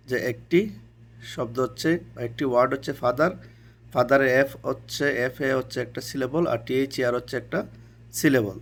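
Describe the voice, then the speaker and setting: Guy teaching english class, says stuff twice, asks a question then answers it, normal pitch. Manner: repeats key terms and asks then answers his own questions. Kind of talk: classroom lesson explaining to students.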